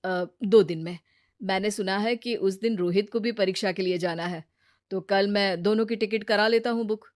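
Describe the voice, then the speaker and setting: A woman voicing a sensible grown man, a brother-in-law who talks patiently and gently lectures. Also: mid-range voice, fairly even intonation, moderate pace, natural voice. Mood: calm.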